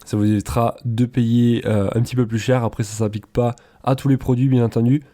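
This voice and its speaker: A man giving a casual product comparison voice-over in a chatty, relaxed way, with frequent hesitations. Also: medium pitch, brisk. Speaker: product reviewer.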